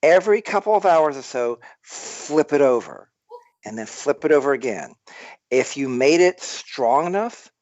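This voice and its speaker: A man's voice: medium pitch, animated, unhurried, darkish tone, no echo, dull audio. A man with a Southern American accent, a tipsy guest rambling boisterously in a casual live-stream chat. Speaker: guest toy artist.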